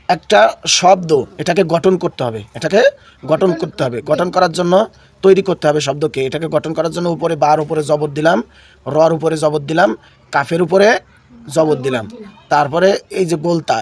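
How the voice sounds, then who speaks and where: A man's voice: fairly high pitch, a little mellow. A man teaching a Quran reading lesson while unwell. He repeats key words and has his listeners echo them back. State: unwell, coughing. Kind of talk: classroom lesson with call and response.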